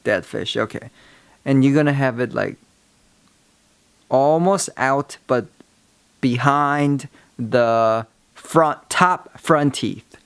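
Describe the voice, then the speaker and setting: A man giving a casual how-to lesson, explaining things in a halting, rambling way. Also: medium pitch, gravelly, clear, resonant tone, dry recording. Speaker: tutorial presenter. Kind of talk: casual instructional talk.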